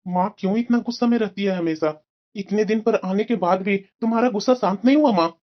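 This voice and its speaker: A woman voicing a calm, reasonable grown son in a cartoon, gently coaxing his mother. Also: medium pitch, brisk, close to an everyday voice. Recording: dull, lo-fi.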